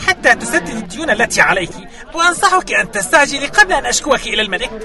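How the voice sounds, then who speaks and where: A harsh grain seller in a radio play. He snaps very quickly with swooping, scolding impatience, amid a busy street crowd. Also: extremely high pitch, big pitch swings, full character voice. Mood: curt, scornful. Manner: curt, scolding. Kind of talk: radio drama acting.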